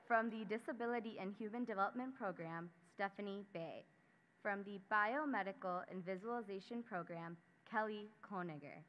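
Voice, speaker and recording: A young woman, a student council member, giving a formal scripted ceremony speech at a podium microphone and announcing names in a measured way. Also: medium pitch. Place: graduation ceremony. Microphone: speaking at a podium microphone. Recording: dull lo-fi sound.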